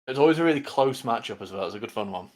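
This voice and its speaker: Animated man co-commentating a game. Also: mid-range voice, rapid-fire. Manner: lively, animated, restarts. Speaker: guest co-commentator. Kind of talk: casual live game commentary.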